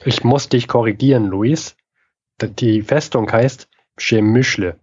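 A man co-hosting a podcast, reacting with excitable mock outrage during the banter. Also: mid-range voice, a little slow, slightly rough, lo-fi sound. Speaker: podcast co-host.

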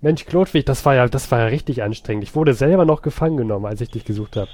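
A man's voice: mid-range voice, fast talker, a crowd in the background, natural voice. Man as a flustered lost traveler, comic radio sketch, stammering. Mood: bewildered. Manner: hesitant, many filler sounds. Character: bumbling male traveler, lost and overwhelmed.

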